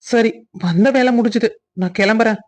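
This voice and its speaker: Woman doing a teasing young husband, bossy but fond, raised pitch. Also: moderate pace, a little mellow, close to an everyday voice. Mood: playful. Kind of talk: cartoon family drama voice acting.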